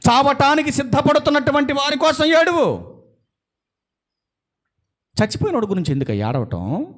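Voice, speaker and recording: Male preacher, high and animated voice, sermon full of rhetorical questions and slowly drawn-out key words. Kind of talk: Easter sermon to a congregation.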